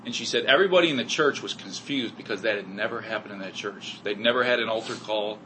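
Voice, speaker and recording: A man's voice: lowish voice, fast talker, pushed and bright, slight background noise, poor audio. A middle-aged man giving an earnest personal testimony to a congregation, with many "you know" fillers. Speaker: speaker sharing testimony.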